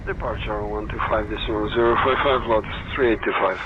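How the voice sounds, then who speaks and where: A man's voice: on the low side, fairly even intonation, fast talker. Man, pilot over the radio, clipped readbacks, dull lo-fi sound. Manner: clipped, routine phraseology. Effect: heard over aircraft radio. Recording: muffled radio with heavy static.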